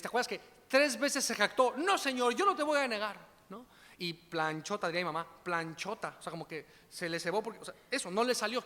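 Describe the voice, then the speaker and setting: Pastor, chatty slangy sermon, high bright voice. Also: male voice, big-room sound. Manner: chatty, slangy, frequent tag questions. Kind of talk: casual sermon teaching.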